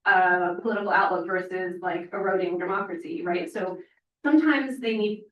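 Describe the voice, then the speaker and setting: A woman's voice: on the low side, normal speed, muffled recording. A woman speaking on a panel as a parent organizer, earnest and rambling with many fillers, audibly emotional. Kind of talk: panel discussion. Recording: echoey room, from far off.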